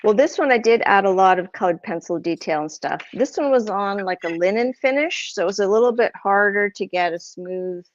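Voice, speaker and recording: A woman with a Boston accent rambles through a casual craft chat, full of fillers and self-corrections. Her voice sits at a middling pitch. The livestream audio sounds dull and lo-fi. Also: expressive, fairly quick, hardly any pauses, no echo.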